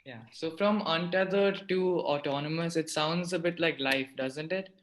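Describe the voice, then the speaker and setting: A man hosts a talk series, opening with a measured, formal scripted introduction before he turns to questions. His voice sits somewhat high for a man. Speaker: podcast host.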